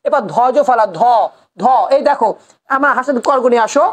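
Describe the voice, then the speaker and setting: A woman's voice: high voice, moderate pace. A woman teacher giving a pronunciation lesson, asking the students questions and answering them herself while repeating the key points.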